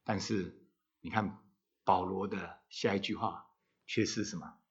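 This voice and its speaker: A male pastor giving a sermon, asking the congregation rhetorical questions and swelling loud on key phrases, on a handheld microphone. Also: low-pitched, steady tone, a little slow, muffled recording. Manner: rhetorical questions to the congregation, dramatic rises in volume.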